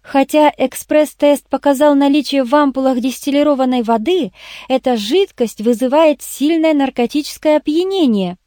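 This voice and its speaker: A woman's voice: sits high, normal speed, dark tone, dry recording, clean studio sound, voice pushed up, natural voice. A woman voicing a young female detective's assistant who purrs and pleads in a coaxing way in an audiobook. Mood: eager. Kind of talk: audiobook character voice.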